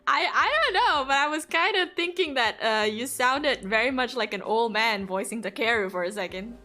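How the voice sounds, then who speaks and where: Bright woman co-streamer, teasing, laughs a lot, casual. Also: a little high, expressive, moderate pace, faint music behind. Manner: teasing, laughs often while talking. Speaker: guest co-streamer. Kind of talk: casual live-stream chat.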